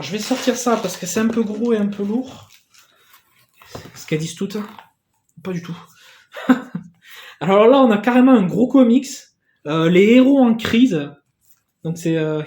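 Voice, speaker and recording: A man in a casual unboxing vlog who gets excitable, swears casually and thanks the sender again and again. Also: high voice, reverberant. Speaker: YouTuber opening a gift parcel.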